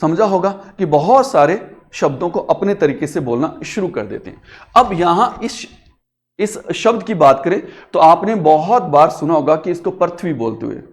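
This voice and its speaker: A man's voice: fairly high pitch, lively intonation, normal speed. A man teaching a grammar lesson in a classroom, coaxing his pupils with questions that he answers himself and calling them beta. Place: classroom with a digital board.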